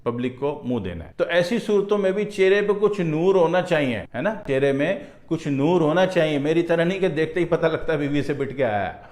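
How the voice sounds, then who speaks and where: A man's voice: fairly high pitch, darkish tone, reverberant. A man in a casual, chatty health talk about herbal remedies, repeating his points and tossing in joking asides.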